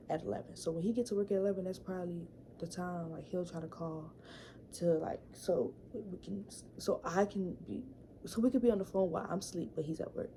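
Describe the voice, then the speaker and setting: A woman's voice: lowish voice, creaky, noisy background. A young woman telling a casual storytime vlog story, chatty, full of fillers and repeated words. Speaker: vlogger.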